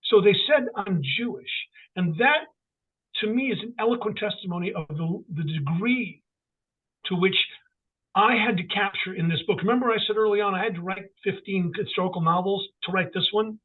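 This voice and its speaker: A man's voice: high-pitched, moderate pace, breathy edge. A man talking as an author guest in an interview, emphatic and full of restarts. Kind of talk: casual interview talk. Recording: tinny phone-like line.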